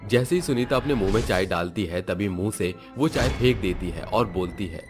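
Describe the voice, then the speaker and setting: A man narrating a moral fairy tale in a steady, expressive storytelling manner. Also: lowish voice, brisk, over music.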